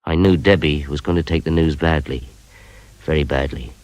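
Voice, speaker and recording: Playing the narrator and lead detective of a radio crime drama, a man confides as a wry, self-doubting policeman. His rumbling low voice holds a steady tone at normal speed, a little mellow and free of echo, and the mood is brooding and wry, mixing first-person narration with dialogue.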